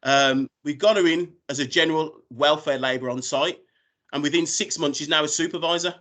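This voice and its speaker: A man's voice: on the high side, fairly even intonation, fairly quick, a bit bright. A British man giving an informal business presentation as a recruiter on a video call. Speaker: recruiter presenting job opportunities.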